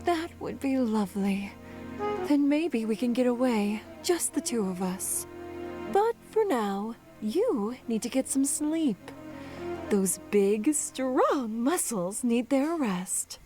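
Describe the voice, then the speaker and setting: Cartoon mother rabbit, female actor: high, sweet, tender and unhurried, music behind. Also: very animated. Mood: tender, flirtatious. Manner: soft-spoken, tender, polite. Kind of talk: cartoon comedy audio drama.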